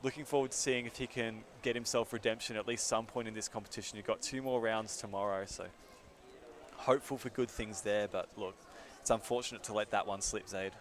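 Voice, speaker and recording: A man's voice: on the low side, steady tone, a little fast. A man commentating a live competition in a chatty, joking way with plenty of slang.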